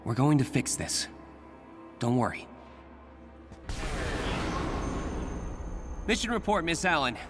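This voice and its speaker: A man's voice: on the high side, very animated, moderate pace, fairly bright tone, faint music behind. A man voicing a young, quippy and earnest superhero for a video game. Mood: determined, wry. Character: young wisecracking masked superhero, earnest and eager.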